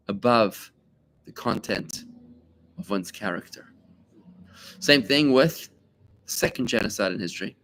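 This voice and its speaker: A man, a rabbi, teaching a Talmud class to students, animated and full of rhetorical questions, repeating key points for emphasis. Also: fairly low pitch. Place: study room with students.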